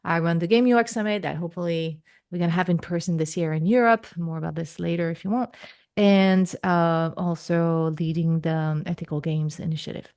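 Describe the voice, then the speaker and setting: A woman's voice: lowish voice, steady tone, brisk, darkish tone, clean tone. Woman hosting an online meetup. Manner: friendly, filler-heavy speech. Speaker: host, game UX consultant. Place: at home, on the US West Coast. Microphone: video call.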